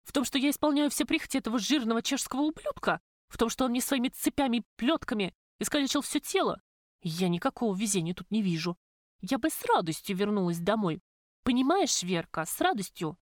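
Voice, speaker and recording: A woman's voice: on the high side, no echo, clean studio sound. A woman voicing an indignant young waitress who talks in a raised, bitter voice.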